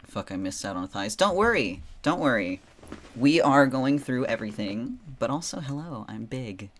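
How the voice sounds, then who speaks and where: A man's voice: mid-range voice, expressive, moderate pace. A man chatting casually on a livestream in a playful, theatrical way, boasting with tongue in cheek.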